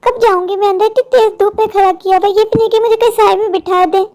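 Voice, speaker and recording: A very high-pitched struggling poor sister. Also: female voice, fairly even intonation, fast talker, darkish tone. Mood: pleading. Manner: pleading, worn-down and sorrowful. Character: poor young woman, worried older sister. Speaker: cartoon character. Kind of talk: Hindi cartoon voice acting.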